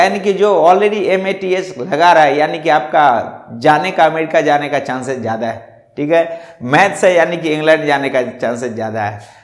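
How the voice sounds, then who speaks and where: A man's voice: fairly high pitch, echoey room. A man teaching a lesson, going through word pairs one by one and repeating each term as he explains it.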